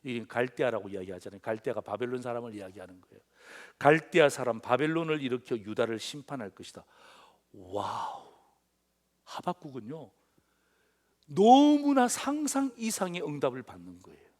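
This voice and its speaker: A man's voice: mid-range voice, sing-song, moderate pace. A middle-aged male pastor preaching a sermon, often asking the congregation questions and acting out short dialogues. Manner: acts out dialogues in different voices.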